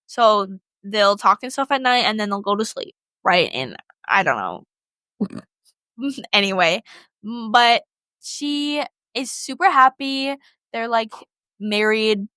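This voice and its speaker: A young woman tells an old myth like gossip to a friend, slangy and full of "like". Her voice sits a little high and comes across tense and bright. The recording is close and dry, with no room sound. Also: no echo. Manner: slangy, chatty, heavy use of "like". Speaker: podcast co-host. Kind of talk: casual storytelling.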